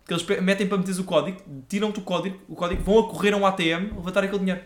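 A young man, telling stories in an animated, slangy way as a casual podcast co-host. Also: high voice, very fast. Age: young adult. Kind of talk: casual chat, storytelling.

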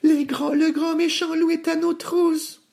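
A man voicing frightened little male pigs in a very high, stammering squeal. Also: level tone, unhurried, dark tone. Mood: panicked.

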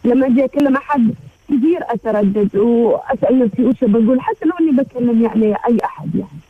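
A woman's voice: a little high, breathy edge. Hesitant woman caller on a muffled phone line. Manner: hesitant, halting, with many fillers. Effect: thin phone-line sound over a weak connection. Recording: muffled narrow-band phone call.

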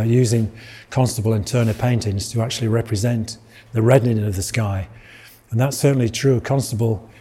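A man's voice: mid-range voice, mellow, slightly rough. A middle-aged man with a Yorkshire accent giving an illustrated lecture, rambling with restarts and asides.

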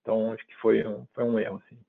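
A guest from southern Brazil gives reflective interview answers over a narrow, phone-like line, often closing with tag questions. His voice is on the low side, level and creaky, and he speaks fast.

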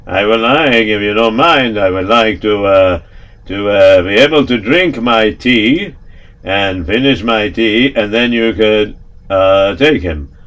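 Man as a shrewd, calm old rabbi. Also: fairly low pitch, pitched below the performer's own voice. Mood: coaxing. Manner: gentle, deliberate, sprinkles Yiddish words. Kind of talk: storytelling with put-on voices.

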